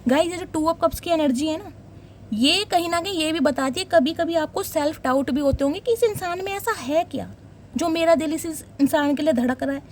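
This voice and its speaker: This tarot reader speaks fairly quickly in a voice that sits high, with slight background noise behind her. She keeps up a teasing, jokey commentary aimed at her viewers throughout the casual reading.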